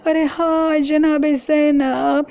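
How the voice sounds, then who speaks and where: A woman preaching a mourning sermon, reciting it as a lament with drawn-out cries of grief. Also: sits high, flat delivery, vocal fry, dark tone.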